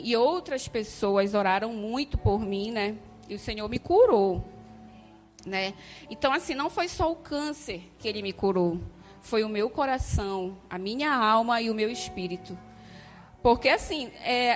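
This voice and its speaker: A woman giving a heartfelt personal faith testimony, hesitant and often checking in with her listeners. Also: fairly high pitch. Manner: heartfelt, hesitant, frequent "né?" tags. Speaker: church member giving testimony. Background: faint music.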